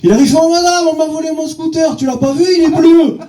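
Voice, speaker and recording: A cocky young street guy with a Marseille accent, loud and brash, his voice pushed up high, as a man puts him on. The line rings out in an echoey room, caught from a distance. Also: fast. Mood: indignant.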